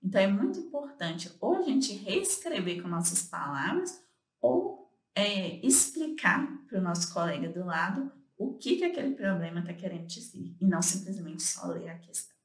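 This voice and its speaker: A woman, co-hosting and explaining study tips in a casual instructional way, often pausing on fillers. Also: medium pitch, big pitch swings, echoey room. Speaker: co-host giving study tips.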